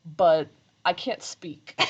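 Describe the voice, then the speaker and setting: A woman on a live sewing stream who rambles on and pokes fun at herself, her low voice slipping into slight fry. The stream audio sounds a little dull and lo-fi. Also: darkish tone. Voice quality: slight vocal fry when talking low. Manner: rambling, self-deprecating, laughs often. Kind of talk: casual live-stream chat while sewing. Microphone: desk microphone.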